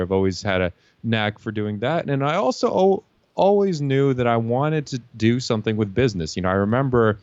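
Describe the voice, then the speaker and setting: A young man from Lithuania tells his story as an interview guest, confident and fluent, peppering his talk with "you know." His voice sits a little low. The recording is dry and somewhat dull, like a lo-fi line. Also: a little mellow, no room sound. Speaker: guest, LinkedIn marketing consultant.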